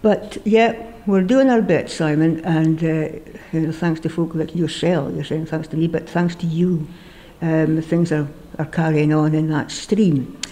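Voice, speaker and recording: A woman's voice: low-pitched, fairly even intonation, measured pace, dark tone. A woman with a broad Scottish accent hosting a casual radio interview in a chatty, self-deprecating way. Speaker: radio show host.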